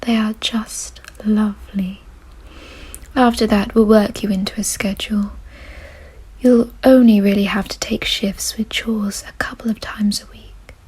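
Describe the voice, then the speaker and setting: In an ASMR roleplay, a woman plays a kind aristocratic vampire who dotes on the listener, whispering softly and breathily. Her mid-range voice stays steady and unhurried, genteel and reassuring, with a fond, doting mood.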